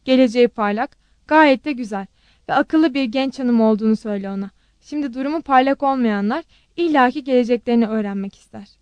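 A woman reading the lines of a devout, anxious middle-aged aunt who pleads in prayer and answers calmly. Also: on the high side, fast, clear, resonant tone, no echo, natural voice. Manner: pleading prayer, calm replies.

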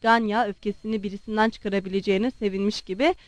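A woman narrating a literary audiobook in a calm, measured storytelling manner. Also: medium pitch, dry recording.

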